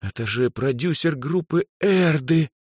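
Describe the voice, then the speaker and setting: A man voicing a shy but proud young dark elf girl in an audiobook, talking hesitantly, then haughtily, in a much higher voice. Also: animated, normal speed, no echo, clean studio sound.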